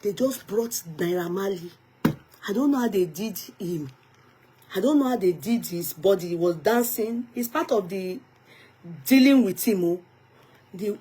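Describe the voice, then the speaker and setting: A woman's voice: medium pitch, lively intonation, a little slow, a little mellow, breathy edge. A woman with a Nigerian accent giving emphatic gossip commentary in a vlog, slipping into pidgin and Yoruba phrases. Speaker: vlogger.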